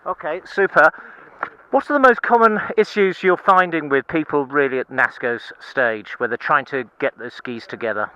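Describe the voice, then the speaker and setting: A man's voice: a little high, moderate pace, pushed and bright, smooth, no room sound, low-quality recording. A man presenting and interviewing in a casual style.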